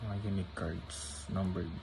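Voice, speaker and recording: Deep gravelly man chatting over noise. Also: level tone, measured pace. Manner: chatty, tags many sentences with "no?". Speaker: trading card vlogger. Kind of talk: casual card showcase. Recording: clear background noise.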